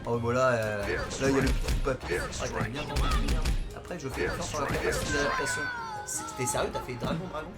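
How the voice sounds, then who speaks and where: A man's voice: mid-range voice, expressive, fast. A man bantering and commenting on a video game in an insistent, teasing way. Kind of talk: casual gaming banter and commentary. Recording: loud music behind the voice.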